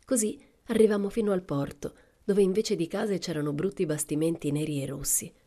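A woman narrating a novel for an audiobook in a calm, measured way, with soft whispered asides. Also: lowish voice. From Italy. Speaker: audiobook reader.

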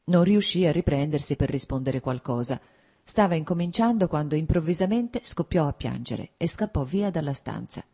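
A woman narrating a classic novel in a measured audiobook reading. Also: low voice, expressive, mellow, slightly rough.

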